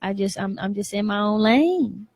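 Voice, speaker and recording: A woman, a singer, talking casually in an interview, soft-spoken and slangy, with hesitant restarts. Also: medium pitch, animated, normal speed, creaky, dry recording.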